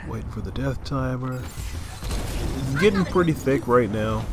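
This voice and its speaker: Over background music, a man with a medium-pitched, slightly stuffy-nosed voice commentates his own gameplay. He explains tactics like a coach, breaking off into quick, excited asides.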